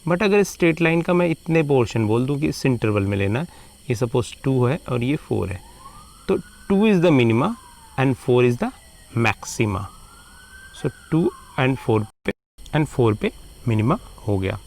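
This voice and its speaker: A man lectures on math at a middle pitch, his voice rough with a gravelly edge. He mixes Hindi and English and draws out key terms slowly for emphasis. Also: lively intonation, darkish tone. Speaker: math teacher. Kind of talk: classroom lecture.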